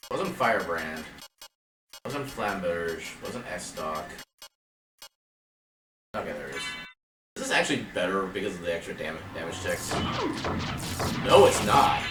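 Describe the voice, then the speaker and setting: A man streaming a video game, commenting in a wry, chatty, self-deprecating way. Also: deep voice. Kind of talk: casual gaming commentary. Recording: roomy, distant mic with game music.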